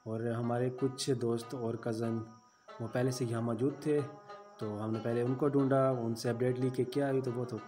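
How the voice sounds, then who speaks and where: Man, warm dark tone, casual vlog narration, tips for viewers, soft music behind. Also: mid-range voice, flat delivery, normal speed. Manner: chatty, explains the route and gives tips to viewers. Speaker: travel vlogger. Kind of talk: casual travel voice-over.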